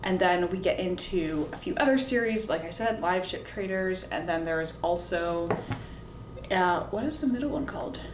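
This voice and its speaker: Talking expressively at an easy, moderate speed, this video host and book reviewer gives chatty, opinionated picks straight to camera in a casual tone. Her audio has a roomy echo plus light background noise and rumble.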